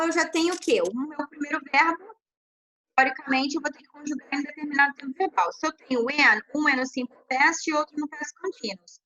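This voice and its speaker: Bright high-voiced woman teaching. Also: rough recording. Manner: patient, fills blanks with sung "tananã", spells letters. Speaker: English teacher. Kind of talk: online class tutoring. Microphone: video call.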